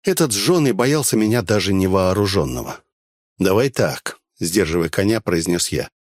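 Lively male audiobook narrator. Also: deep voice, fairly quick, no room sound, studio quality. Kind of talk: first-person audiobook narration.

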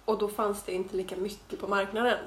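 A woman's voice: medium pitch, little pitch movement, slight background noise. A Swedish woman co-hosting a casual chat podcast, thoughtful and easygoing. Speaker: podcast co-host. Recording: roomy room, rain on window.

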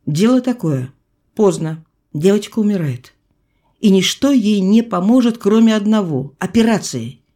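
A woman's voice: mid-range voice, expressive, moderate pace, warm tone, natural voice. A woman voicing a tense young male country doctor who urges and commands. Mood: urgent. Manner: urgent, insistent pleading.

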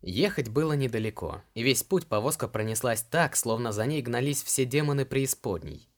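A man narrating an audiobook in a steady, even reading voice. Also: medium pitch, moderate pace.

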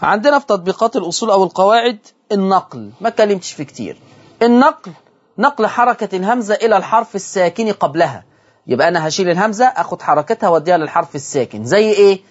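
A man with an Egyptian Arabic accent hosts a televised lesson on Quran recitation from a studio. His voice sits fairly high. He often slows down to chant and repeat example words, and the broadcast audio sounds dull and muffled. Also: animated, breathy edge. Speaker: host and Quran recitation teacher.

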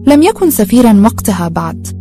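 A woman narrating a story in a calm, steady reading voice. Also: fairly high pitch, fast talker, soft background music.

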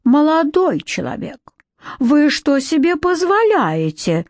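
A woman's voice: a little high, takes it slowly, darkish tone, no echo, clean studio sound. A woman voicing a strict male member of a fairy council. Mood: stern. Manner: stern, reproachful.

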